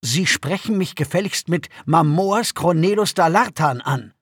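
A man voicing a haughty, pampered male alien nobleman in an audiobook, shrill and indignant. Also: expressive, unhurried, slightly rough, no echo, clean studio sound. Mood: outraged. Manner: shrill, outraged, demanding.

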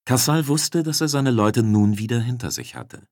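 A man reading an audiobook as its narrator, in a measured, dramatic way. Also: medium pitch, darkish tone, no room sound, studio quality.

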